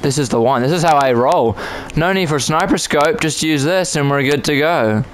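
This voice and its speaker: A playful man talks his way through a game, joking and chatting to the players around him. His voice sits a bit high, and a faint hiss runs under the recording. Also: normal speed, low-quality recording. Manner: playful, jokey, talks to himself and to other players. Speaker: gamer commentating his own play. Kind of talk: casual gameplay commentary.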